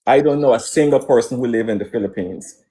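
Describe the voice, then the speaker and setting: A man's voice: medium pitch, fast, dark tone. A man from Guyana, a musician guest answering questions in a casual online interview, full of restarts and hesitant fillers. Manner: rambling, hesitant with many restarts.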